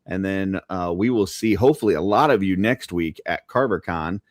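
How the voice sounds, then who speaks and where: A man in his forties co-hosting a casual chat, relaxed and halting as he talks. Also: deep voice, dry recording, clean studio sound. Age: 40s. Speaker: co-host.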